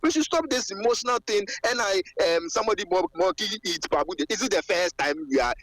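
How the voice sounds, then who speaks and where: A man's voice: high voice, lively intonation, quick pace, a bit bright, dry recording. A man from Ghana with a Ghanaian accent, calling a radio show over a car speakerphone while driving, talking with passion and repeating his phrases. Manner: impassioned, repeats phrases, builds to fervent exclamations. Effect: car speakerphone call. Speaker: radio caller.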